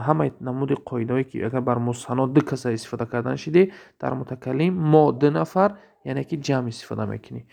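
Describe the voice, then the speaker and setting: A man with a Tajik Persian accent teaching an Arabic grammar lesson, explaining step by step, asking questions to check understanding and reading example sentences slowly. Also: on the high side, gravelly, mellow.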